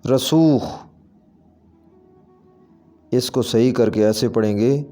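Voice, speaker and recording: A man teaching Urdu pronunciation, saying each word and then repeating it slowly and deliberately. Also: on the low side, steady tone, dark tone, faint music behind. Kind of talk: pronunciation drill lesson.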